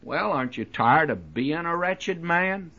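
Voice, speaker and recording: A man preaching in an earnest, folksy way, pressing his listeners with direct questions. His pitch sits somewhat high and moves in lively swoops. The recording sounds dull and lo-fi. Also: measured pace. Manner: homely illustrations, folksy delivery. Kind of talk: sermon.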